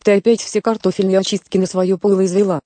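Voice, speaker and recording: A woman voicing a hungry, angry five-year-old village boy who whines resentfully, in a dark, mellow tone. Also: medium pitch, little pitch movement, quick pace, natural voice. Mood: whining. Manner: whiny, resentful.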